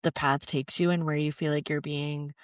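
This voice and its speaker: A woman's voice: deep voice, flat delivery, moderate pace, no room sound, studio quality. A young adult woman hosting a podcast interview, enthusiastic and chatty, with frequent filler words. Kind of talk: casual interview talk.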